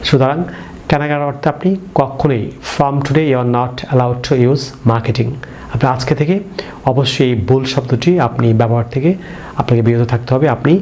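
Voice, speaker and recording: A man's voice: mid-range voice, darkish tone, a little hiss or hum. Man teaching English vocabulary. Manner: spells words out letter by letter, repeats drills. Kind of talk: vocabulary lesson.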